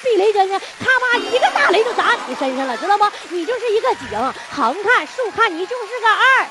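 A woman with a Northeastern Chinese accent playing a loud, quarrelsome shrewish neighbor in a stage comedy sketch, scolding in rapid-fire bursts. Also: extremely high pitch, big pitch swings, heavy background noise. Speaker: errenzhuan comic performer.

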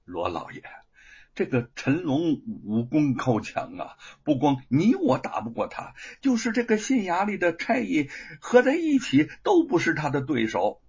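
Storybook magistrate, male, scheming coward, flustered and wheedling; husky, dull-sounding voice, played by a male narrator. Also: fairly high pitch, wildly swooping pitch, normal speed, hardly any pauses, darkish tone, voice pushed up, heavily acted. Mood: hushed.

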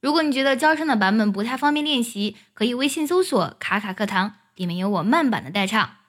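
A woman teaching an English song, explaining each line and singing it slowly as a demonstration. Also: fairly high pitch, animated. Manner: explains pronunciation, then sings demo phrases.

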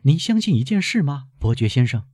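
A man's voice: medium pitch, sing-song, brisk, darkish tone, breathy edge, no room sound, studio quality, voice pushed up. A man voicing a proud, insistent young noblewoman in an audiobook of a classic novel, speaking in a coaxing, teasing way.

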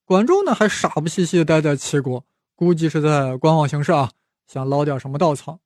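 A man's voice: on the high side, expressive, fairly quick, a little mellow, dry recording, studio quality. A man hosting a podcast, telling history as a casual, playful story with chatty asides to the listener. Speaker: podcast host.

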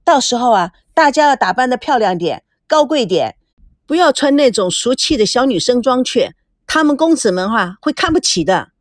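A woman's voice: on the high side, big pitch swings, moderate pace, no echo, studio quality. A woman playing a proud rich schoolgirl. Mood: boastful. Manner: boastful, bossy, generous. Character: proud rich teenage girl, show-off.

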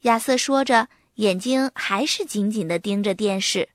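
A woman narrating a picture book to young children in a lively storytelling manner. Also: mid-range voice, normal speed, dry recording, studio quality.

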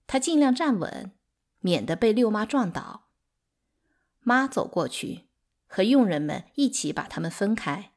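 A woman reading a novel aloud in calm, expressive narration. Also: medium pitch, unhurried. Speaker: audiobook narrator. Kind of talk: scripted narration.

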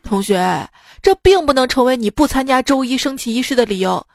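A woman's voice: sits high, lively intonation, a little fast, gravelly, background noise. A woman hosting a comedy radio show, reading jokes in a playful, teasing way and acting out the characters' lines. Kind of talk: comic joke reading.

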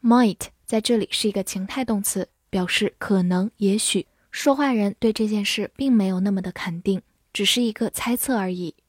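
A woman teaching English vocabulary in Chinese, spelling each word letter by letter and reading example sentences slowly and carefully. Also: mid-range voice, no room sound, studio quality. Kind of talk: scripted vocabulary lesson.

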